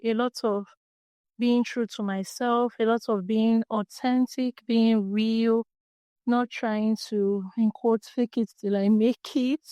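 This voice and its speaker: This podcast host speaks alone, in a Nigerian English accent, offering warm encouragement as she reflects on faith and her journey as a creative. Her voice is small and light, fairly high, mellow and clean, with no echo.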